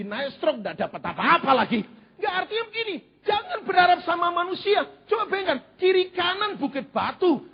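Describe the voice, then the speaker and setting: A man preaching a sermon in an animated, humorous way, with repeated phrases. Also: extremely high pitch. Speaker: pastor. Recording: dull lo-fi church recording.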